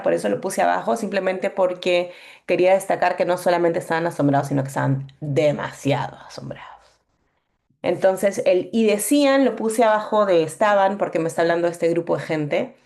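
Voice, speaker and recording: A woman's voice: fairly low pitch, creaky, a little mellow. A young woman teaching a Bible meditation workshop, explaining patiently with fillers and frequent checks that the class is following.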